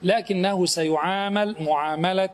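High-voiced man teaching grammar. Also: steady tone. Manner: asks the class questions and answers them himself; repeats key terms slowly for emphasis. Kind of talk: classical Arabic grammar lesson.

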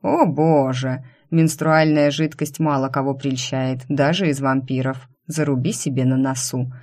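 A woman reading the lines of a calm, mocking male vampire boss in an audiobook, in a dry, unhurried, teasing manner. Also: rumbling low. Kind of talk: audiobook character voice.

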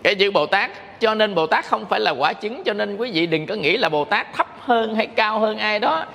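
Gravelly bright-voiced monk preaching. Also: male voice, high-pitched, lively intonation, normal speed, long reverb tail. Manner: conversational, asks the audience questions. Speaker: Buddhist monk teacher. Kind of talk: dharma talk.

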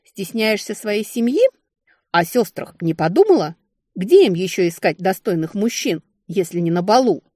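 A woman's voice: medium pitch, sing-song, normal speed, a little mellow, dry recording, clean studio sound. A woman voicing a domineering middle-aged mother who scolds and lectures in an accusing tone.

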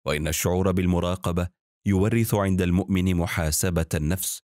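A man telling a religious story in scripted narration, with a measured, formal and reverent delivery. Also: deep voice, steady tone, darkish tone, no echo, clean studio sound.

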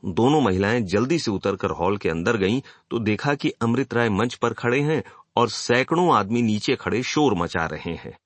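A man's voice: on the low side, lively intonation, moderate pace, few pauses, dry recording. A man narrating a literary novel as an audiobook, telling the story expressively.

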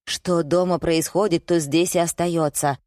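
A woman reading aloud and voicing a coarse, bullying middle-aged husband who talks gruffly and scornfully. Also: on the low side, steady tone, a little slow, darkish tone, dry recording, studio quality, lightly acted.

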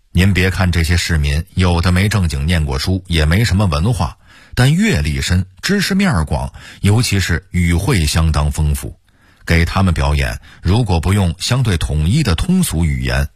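A man's voice: low voice, slightly rough, dry recording, clean studio sound. A man giving scripted radio narration on history, speaking in a folksy way and addressing the listener directly. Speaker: radio presenter.

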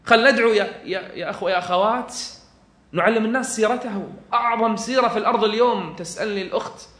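A man preaching with a Kuwaiti accent, moving from quiet asides to loud, fervent exhortation. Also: sits high, fast talker. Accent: Kuwaiti Arabic. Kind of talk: religious lecture to an audience. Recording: echoey room.

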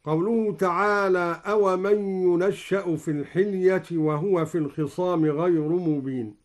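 A man teaching Quran recitation, explaining reading variants in a measured, formal way and chanting each quoted verse in slow recitation, recorded in a radio studio. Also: high-pitched.

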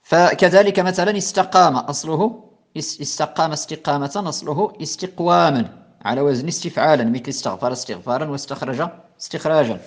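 Guy teaching a grammar lesson, kinda higher voice, goes slow and repeats stuff a lot. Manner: slow, repetitive teaching with many restarts and fillers. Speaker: Islamic scholar teaching Arabic morphology. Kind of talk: recorded lesson explaining a grammar poem.

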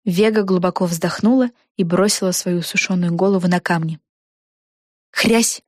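A woman narrating a children's book in an even storytelling manner. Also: on the low side, fairly quick, no echo, studio quality. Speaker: audiobook narrator.

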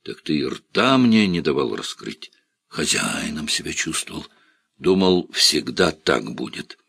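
A man's voice: extremely low pitch, sing-song, unhurried, gravelly, a bit bright, slightly rough, no echo, full character voice. A man voicing a middle-aged village woman who is weary and reproachful, in a story reading.

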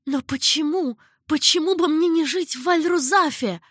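A woman's voice: on the high side, normal speed, husky, no room sound, studio quality, pitched above the performer's own voice. A woman voicing a passionate young concubine who pleads emotionally. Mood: indignant.

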